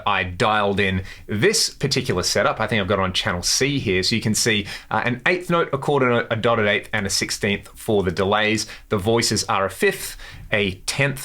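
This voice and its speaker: A man with a lowish, sharp-toned voice hosts a casual guitar gear tutorial, enthusiastically talking through the settings. It's an informal instructional demo delivered to camera.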